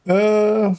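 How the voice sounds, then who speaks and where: A man streaming a game, chatting casually in a rambling, relaxed way and laughing often. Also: high-pitched. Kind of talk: casual gameplay livestream chat.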